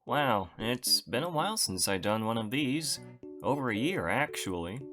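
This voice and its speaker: A man's voice: medium pitch, very animated, normal speed, pushed and bright, soft background music. A young man giving a casual channel update to his viewers, wry and self-deprecating, with dry understatement.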